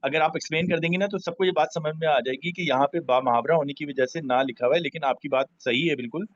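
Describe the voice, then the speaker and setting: A man's voice: a little high, dry recording. A man in an online class, encouraging a classmate and repeating his point, over a video call. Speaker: class participant. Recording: dry muffled call audio.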